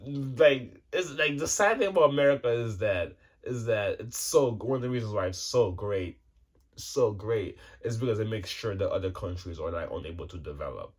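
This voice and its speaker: Addressing his viewers on camera, a vlogger in his twenties rambles casually, cursing freely and padding his speech with fillers and restarts. His lowish voice has lively intonation, and he talks at a normal speed.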